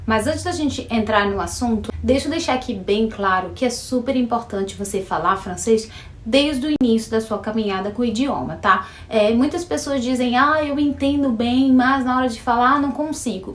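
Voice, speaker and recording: A woman with a Brazilian Portuguese accent teaching a casual video lesson, chatty, slowly repeating words to model their sound. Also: fairly high pitch, expressive, reverberant. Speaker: French teacher.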